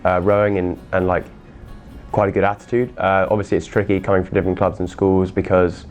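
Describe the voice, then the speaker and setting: An eighteen-year-old man giving casual, measured interview answers about his rowing crew. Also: low voice, faint music behind. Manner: steady, measured, filler-heavy. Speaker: junior rowing crew member.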